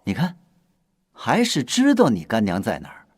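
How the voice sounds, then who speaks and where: An actor playing a lovesick king in a costume TV drama, wheedling and self-pitying, swinging from loud outbursts to hushed asides. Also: mid-range voice, wildly swooping pitch, normal speed, breathy edge, no room sound, clean studio sound. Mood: brooding. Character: lovesick grumbling male king, middle-aged.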